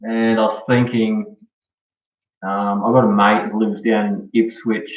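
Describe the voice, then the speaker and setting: A man's voice: fairly low pitch, level tone, unhurried. Echoey, distant, laid-back Australian guy. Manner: laid-back slangy talk, often ending on "eh" and "bro". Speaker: live streamer. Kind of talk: casual live stream chat. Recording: dull echoey room, far from mic.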